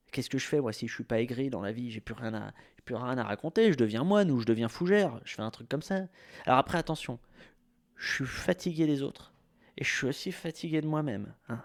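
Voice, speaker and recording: A man's voice: medium pitch, darkish tone. Rambling exasperated Frenchman musing aloud. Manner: rambling, self-mocking, exasperated. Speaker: podcast host. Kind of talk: casual monologue.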